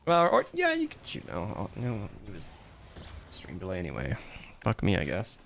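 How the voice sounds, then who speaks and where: Lively, rambling male streamer. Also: on the low side, moderate pace, gravelly, slight background noise. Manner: animated, rambling, laughs often; self-deprecating. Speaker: live streamer. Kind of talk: casual live-stream chat while gaming.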